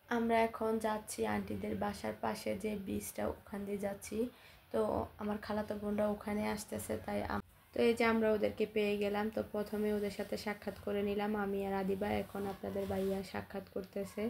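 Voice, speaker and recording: Woman vlogger narrating, flat and creaky, chatty recap tone. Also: mid-range voice, slight background noise. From Bangladesh. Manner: flat, conversational storytelling. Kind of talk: voice-over narration of a family outing.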